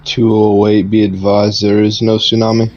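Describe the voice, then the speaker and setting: A man's voice: on the low side, monotone, normal speed, darkish tone, muffled recording. A man working as a police dispatcher, giving clipped, matter-of-fact calls over a police radio transmission.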